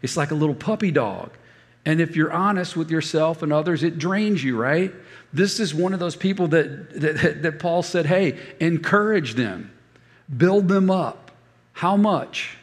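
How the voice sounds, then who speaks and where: Guy pastor giving a sermon, slightly high voice, tells stories and does little voices, big church reverb. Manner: storytelling, acts out quoted voices. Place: church hall.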